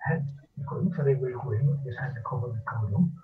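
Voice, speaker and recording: An older man with a rural west of Ireland accent, telling folk tales as a lilting, rambling storyteller who repeats himself and pauses, over a video call. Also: medium pitch, a little hiss or hum. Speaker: folklorist and storyteller. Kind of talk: oral folk storytelling in casual speech. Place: small dim room at home, indoors. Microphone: computer mic on a video call. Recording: muffled, phone-like video call audio.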